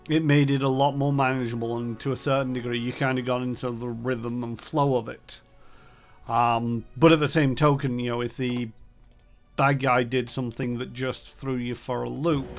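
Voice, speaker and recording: Brief: gravelly man streaming a game, casual, thinking aloud, mid-pitched voice. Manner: rambling, thinking aloud with many fillers. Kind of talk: casual gameplay commentary.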